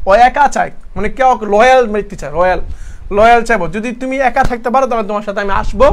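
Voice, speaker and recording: A young man from Chittagong gives an exam-prep lesson. He explains step by step, asks questions and answers them himself, and calls his students brother. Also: extremely high pitch. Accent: Chittagong Bangla. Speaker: teacher.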